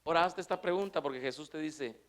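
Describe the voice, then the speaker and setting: High-voiced man preaching a sermon. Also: a bit bright. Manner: preaching with frequent questions to the congregation; reads scripture aloud slowly and emphatically. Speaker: pastor.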